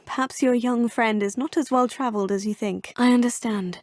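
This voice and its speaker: For video game voice lines, an actress voices the player character, an earnest, curious young student witch who speaks politely and formally. Her voice is on the high side, steady, and moderately paced, lightly acted, and recorded dry with clean studio sound.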